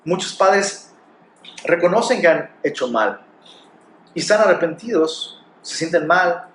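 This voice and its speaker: A man's voice: fairly high pitch, lively intonation, unhurried, a bit bright, reverberant, slight background noise. A man with a Mexican Spanish accent preaching a sermon, pressing his points with rhetorical questions and acted quotes. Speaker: pastor.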